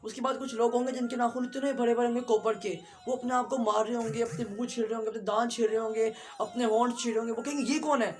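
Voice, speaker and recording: High-voiced man telling a story fast. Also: little pitch movement, darkish tone. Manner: earnest, fast storytelling with direct address to viewers. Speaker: vlogger. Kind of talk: retelling a religious story in a vlog.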